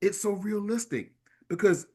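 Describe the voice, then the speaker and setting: A man's voice: high-pitched, normal speed, mellow. A man co-hosting a casual movie podcast, laughing often and quoting scenes with gusto. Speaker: podcast co-host.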